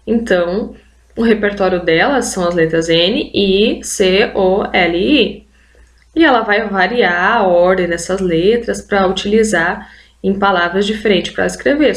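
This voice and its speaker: A woman's voice: medium pitch, reverberant. A Brazilian woman teaching literacy in an online video lesson. She explains step by step and keeps prompting viewers with "olha só" and "gente". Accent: Brazilian Portuguese.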